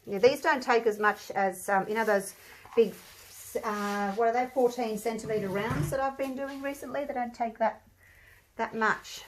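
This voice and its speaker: A woman's voice: a little high, steady tone, moderate pace, a little hiss or hum. Australian woman, slightly muffled behind a mask. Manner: chatty, thinking aloud. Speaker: craft tutorial host. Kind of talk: casual chatty demonstration. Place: indoor craft table.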